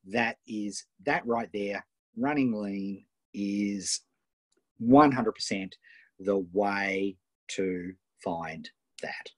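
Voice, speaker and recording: This Australian man is the host and coach of a live online coaching session, eagerly shooting quick questions at people on a video call. His voice is on the lower side, and there's no echo.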